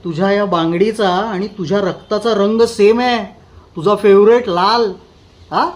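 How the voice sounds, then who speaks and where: A man's voice: high voice, steady tone, measured pace. A man playing a coldly menacing husband. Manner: soft, taunting menace that turns to sharp outbursts. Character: controlling, menacing young husband, coldly cruel. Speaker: actor in an audition. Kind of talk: dramatic monologue.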